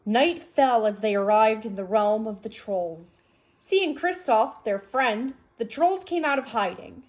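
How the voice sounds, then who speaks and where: A woman narrates a children's storybook aloud, her voice on the high side, animated, a little mellow and unhurried. Faint music plays behind her.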